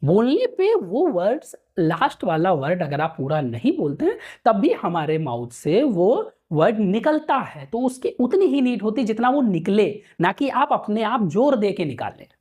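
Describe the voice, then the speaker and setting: A man teaching pronunciation, repeating words slowly and checking that students follow. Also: high voice, sing-song, a little mellow, breathy edge. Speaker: English teacher. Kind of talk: Hindi-English spoken lesson.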